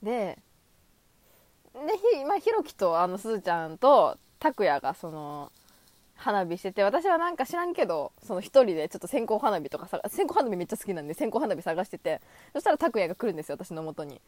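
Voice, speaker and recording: A woman's voice: a little fast, dry recording. A young woman in her twenties talking casually and self-deprecatingly on a solo podcast, giggling and acting out imagined conversations. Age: 20s. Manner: animated, high-energy, acts out imagined dialogue.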